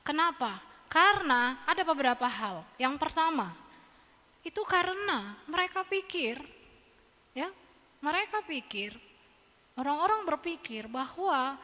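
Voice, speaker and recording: Animated woman preacher in a church hall. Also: high voice, a little slow, pauses often. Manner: animated, humorous, acts out voices. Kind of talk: sermon.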